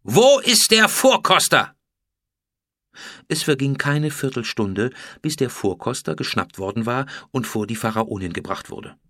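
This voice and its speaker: Man reading an audiobook, bright husky voice, dry close sound. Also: mid-range voice, normal speed, hardly any pauses, no echo. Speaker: narrator. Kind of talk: audiobook narration.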